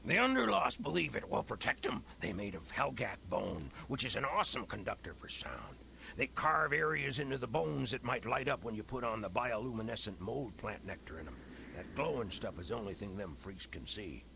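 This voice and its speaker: A crazy old hermit miner from a video game, swinging widely in pitch with a gravelly, cracked voice. He talks in a folksy, rustic way over noticeable background noise. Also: big pitch swings, a little fast, pushed and bright, heavily acted. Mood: emphatic, explaining. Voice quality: creaky, cracked old-man voice. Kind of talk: video game character acting.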